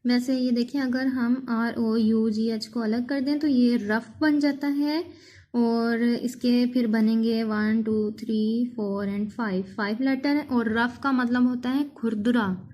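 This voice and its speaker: Slow, high-voiced woman teaching vocabulary. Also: fairly even intonation, mellow. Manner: slow, drawn-out word readings followed by quick explanations. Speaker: English teacher. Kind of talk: recorded vocabulary lesson.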